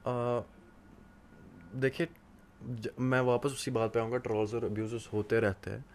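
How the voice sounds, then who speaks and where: This guest's voice is mid-range and flat, and he takes his time; a slight hiss or hum is audible. He is a man in his twenties from Kashmir on a podcast, talking casually but earnestly about hard work in a motivational way, often hesitating with fillers.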